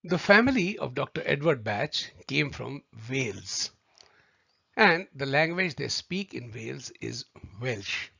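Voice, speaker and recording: A man teaching a video lesson, speaking deliberately and addressing viewers as friends. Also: mid-range voice, very animated, creaky, pushed and bright, slightly rough, dry recording. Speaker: homeopathy tutor. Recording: dry, slightly muffled recording.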